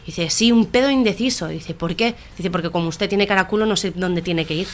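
Animated woman telling jokes. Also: fairly low pitch, a little fast, noisy background. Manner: animated storyteller, voices the characters in her jokes. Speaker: radio comedy co-host. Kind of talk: casual joke telling.

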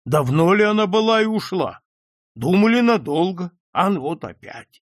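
A man's voice: high-pitched, very animated, moderate pace, dry recording. A man voicing a sardonic young nobleman who answers his father with dry, mocking seriousness. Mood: grim. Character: sardonic young nobleman son, grim and sharp-tongued.

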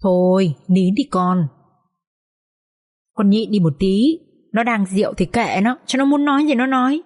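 A woman's voice: mid-range voice, unhurried, darkish tone, close to an everyday voice. Woman reading as a blunt scolding mother-in-law. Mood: soothing.

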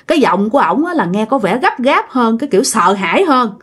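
A woman tells a ghost story and speaks directly to her listeners. Her voice sits on the high side and stays lively. She keeps talking straight to the audience throughout. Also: fairly quick, slightly rough. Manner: animated, addresses listeners directly.

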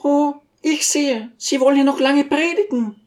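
A man voicing a shrill imperious rich lady. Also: normal speed, darkish tone. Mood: furious. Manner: shrill and commanding.

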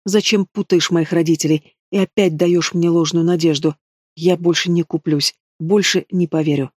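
A man voicing a hot-tempered young woman mage in an audiobook, speaking in sharp, indignant outbursts. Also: on the high side, steady tone, normal speed, breathy edge, no room sound, studio quality.

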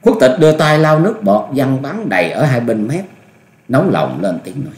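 A male storyteller reading a martial arts novel aloud. His delivery is dramatic and lively, rising and falling at a middle pitch. The recording is echoey and roomy. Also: moderate pace. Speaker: audiobook narrator. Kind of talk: storytelling narration. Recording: echoey room.

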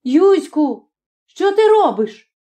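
Woman voicing a shrill, sobbing young peasant woman. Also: very animated, slow, warm tone, exaggerated voice. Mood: outraged. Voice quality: shrill, tearful outcries. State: crying. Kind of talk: audiobook character voice.

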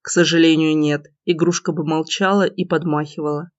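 A woman voicing a cocky young man who teases in a low, smirking murmur, in a dull, slightly lo-fi recording. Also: level tone, brisk, no room sound, lightly acted. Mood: teasing. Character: cocky teasing young man, the heroine's lover.

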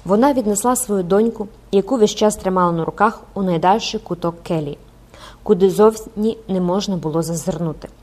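A woman reading a classic novel aloud in a calm, measured voice. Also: medium pitch. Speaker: audiobook reader. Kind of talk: audiobook narration.

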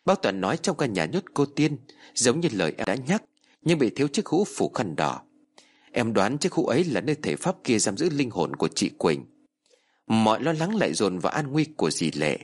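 Husky male horror-story narrator. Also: medium pitch, normal speed. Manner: dramatic, expressive storytelling.

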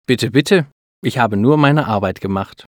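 A man's voice: mid-range voice, unhurried, no room sound, studio quality, natural voice. A man voicing a serious female lab doctor who speaks earnestly and hesitates over bad news. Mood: reassuring.

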